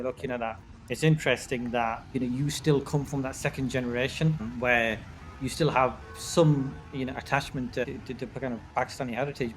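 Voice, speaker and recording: Reflective man, faint noise. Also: medium pitch. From Bradford, England. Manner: reflective, many "you know" fillers. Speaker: podcast guest. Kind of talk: casual chat.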